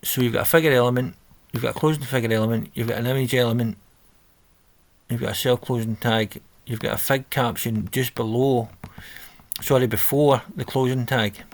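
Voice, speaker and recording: A man's voice: mid-range voice, fairly even intonation, fairly quick. A man talking through a coding exercise on a screen recording, reading out steps and correcting himself as he goes. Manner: thinking aloud, self-correcting, reading instructions. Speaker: coding tutor. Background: keyboard typing.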